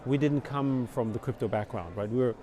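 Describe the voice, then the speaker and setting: A middle-aged man from Austria speaks in an easy, meandering way, sprinkling "you know" through long answers. His pitch sits in an ordinary middle range. Clear crowd chatter carries in the background, as at a busy event. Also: fairly quick. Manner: relaxed, rambling, many fillers like "you know" and "basically". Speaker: interview guest, company founder. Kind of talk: conversational interview. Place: outdoors at a busy conference venue. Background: crowd noise.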